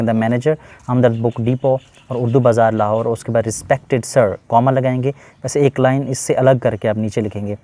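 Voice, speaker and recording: A man's voice: medium pitch, dark tone, a little hiss or hum. A man with a Pakistani Urdu accent, an English teacher patiently explaining a letter-writing lesson, switching between English phrases and Urdu explanations.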